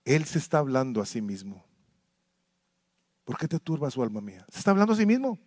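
A man's voice: mid-range voice, very animated, fairly quick, no room sound. Impassioned preaching man, dry sound. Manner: swings from loud impassioned pleading to quiet intimate asides. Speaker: pastor. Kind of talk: sermon. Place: church.

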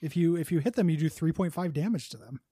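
A man co-hosting a podcast in casual chat, blunt and jokey, quick to vent. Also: on the high side, warm tone, husky, dry recording, clean studio sound. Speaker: podcast co-host.

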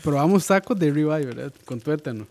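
Man, casual podcast co-host, voice a touch high, laughs a lot, reads chat aloud. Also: expressive, a little fast, darkish tone. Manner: laughs often, reads listener messages aloud.

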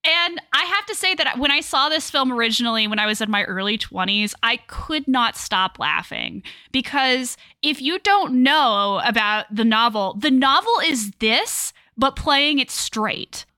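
A woman's voice: high voice, expressive, measured pace, hardly any pauses, bright, forceful tone, no echo. A woman co-hosting a casual film podcast, explaining at length and laughing often. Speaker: podcast co-host.

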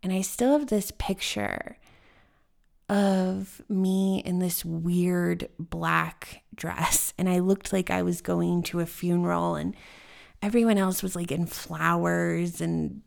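Slow, gravelly, confessional young woman. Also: fairly low pitch, fairly even intonation. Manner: slow, earnest, confessional storytelling. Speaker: podcast host. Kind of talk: personal spiritual monologue.

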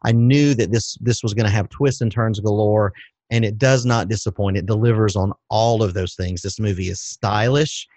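A man hosting a movie review podcast, talking in a relaxed, measured way with light jokes. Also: fairly low pitch, no room sound. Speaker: podcast host. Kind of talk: casual movie review chat.

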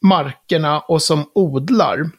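A man with a slightly raised pitch and a gravelly, fry-edged voice. He co-hosts a podcast in relaxed chat, rambling along with plenty of fillers. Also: highs cut off. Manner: rambling, chatty, with many fillers. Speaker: podcast co-host. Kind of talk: casual chat.

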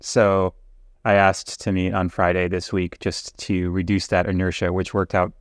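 Measured low-voiced male podcast co-host. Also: flat delivery, no echo, clean studio sound. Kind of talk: casual conversation.

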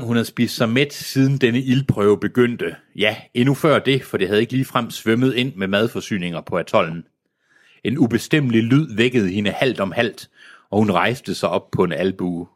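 A man reading a novel aloud in a casual way, stumbling now and then and breaking off with self-mocking asides. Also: on the low side. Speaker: reader.

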